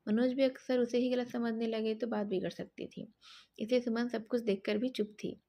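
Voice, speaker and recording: A woman narrating an audio story in a calm, steady reading voice. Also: a little high, moderate pace, highs cut off.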